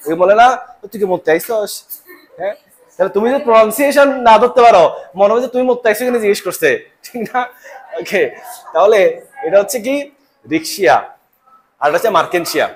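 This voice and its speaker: A young man with a high, animated voice teaches a live biology lecture to students in a classroom, speaking fast but pausing often. He repeats each term and keeps checking that the class is following.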